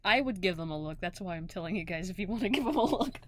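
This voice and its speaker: A young woman narrating as game master for a tabletop game over a voice call, animated and quick to laugh. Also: mid-range voice, dry recording. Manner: giggly, animated storytelling.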